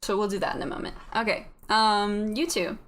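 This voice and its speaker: A woman running a tabletop game as game master, casual and halting. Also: mid-range voice, steady tone, a bit bright.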